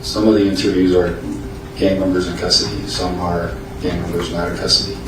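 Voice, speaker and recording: American guy on the witness stand, really flat delivery, careful and polite, roomy far-off mic with hiss and noise. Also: low-pitched, a little fast. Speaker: gang investigator testifying as expert witness. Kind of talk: courtroom testimony under questioning. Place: courtroom. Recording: echoey, distant, noisy courtroom audio.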